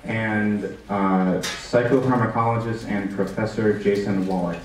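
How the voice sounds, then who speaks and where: A man's voice: fairly low pitch, fairly even intonation, a little slow, over a noisy crowd. A man hosting a live event, chatty and upbeat, with many fillers, introducing the speakers to the audience. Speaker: event host and moderator. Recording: echoey room, far from the mic, audible noise.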